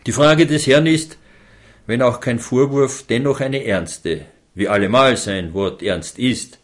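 A man delivers a sermon in a measured, mid-pitched voice. He speaks slowly and deliberately, weighting single words and repeating phrases for emphasis. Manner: slow, emphatic, repeating key words with stress. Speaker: preacher.

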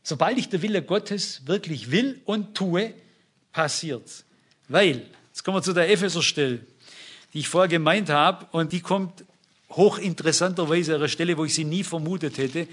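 A man's voice: a little high, normal speed, fairly bright tone, slightly rough. A man preaching a sermon, emphatic and often asking his listeners questions. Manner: emphatic, asks the congregation questions.

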